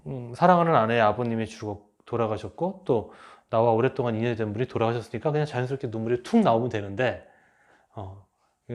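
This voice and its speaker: A middle-aged man teaches in a lively, animated way, acting out the remarks he quotes. He speaks at an ordinary pitch for a man. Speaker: lecturer. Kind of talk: enneagram lecture.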